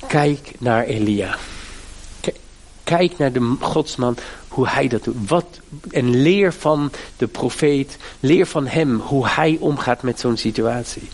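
A man's voice: mid-range voice, takes it slowly. A middle-aged man preaching a sermon, with fervent, emphatic appeals to his listeners. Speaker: pastor.

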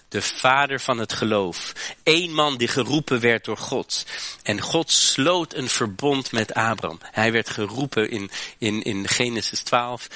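A man from Western Europe preaching a sermon, often restarting and tagging phrases with a quick "hè". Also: fairly low pitch, sharp tone, no echo. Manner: preaching with frequent "hè" and repeated restarts. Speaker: pastor.

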